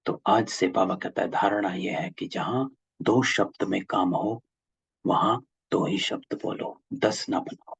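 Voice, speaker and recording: A man's voice: sits low, unhurried, no echo. A man leading a spiritual class, patiently explaining a discourse and repeating key phrases over a video call. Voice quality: gravelly, husky. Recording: dull lo-fi call audio, dry.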